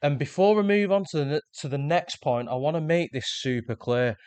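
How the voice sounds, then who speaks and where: In a clean, dry recording, a man with a fairly high, darkish voice and lively intonation speaks at normal speed. He hosts self-improvement videos, earnestly walking through ideas in a scripted motivational monologue and repeating words when he restarts.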